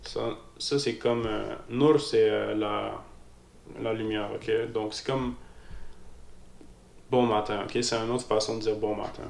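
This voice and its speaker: A man's voice: lowish voice, fairly even intonation, slow, creaky. A man teaching a casual spoken language lesson, hesitant, repeating his words and often checking in with "ok?". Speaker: Moroccan Arabic teacher. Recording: echoey room with faint noise.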